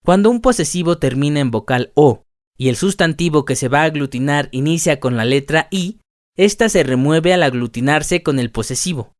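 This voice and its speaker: A man narrating a scripted language lesson, reading word lists slowly and deliberately. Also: a little high, lively intonation, dry recording, clean studio sound. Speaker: language teacher.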